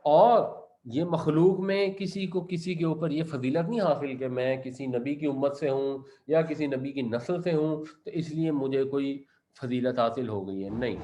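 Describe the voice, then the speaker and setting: A man's voice: mid-range voice, warm tone. A man giving a Quran commentary lesson, reciting verses and then explaining their grammar step by step. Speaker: Quran teacher.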